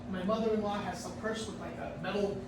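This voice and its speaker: A man's voice: sits high, fairly even intonation, quick pace. A middle-aged man, a pastor, giving a casual travel briefing to a group as a chatty storyteller. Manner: chatty storyteller, frequent restarts. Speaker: pastor leading a trip meeting. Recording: echoey room from far off, noisy.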